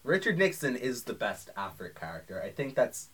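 A man's voice: mid-range voice, sing-song, moderate pace, a bit bright, slightly rough. A young man co-hosting a podcast, chatting casually and rambling off on tangents. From Ireland. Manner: rambling, full of restarts and tangents. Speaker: podcast co-host. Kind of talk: casual chat.

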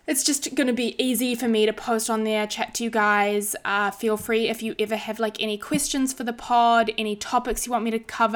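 A woman hosting a casual solo podcast, chatting in an informal, sweary, playfully dramatic way with rain behind her. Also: a little high. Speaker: podcast host. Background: heavy rain.

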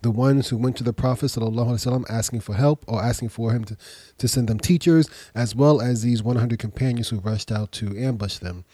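Male podcast host, medium pitch, dark tone, a bit stuffed-up with a cold, telling history informally and rewording as he goes. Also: no room sound. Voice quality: slightly nasal, congested. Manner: explanatory, pausing to rephrase and repeat. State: getting over a cold. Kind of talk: informal history storytelling lecture.

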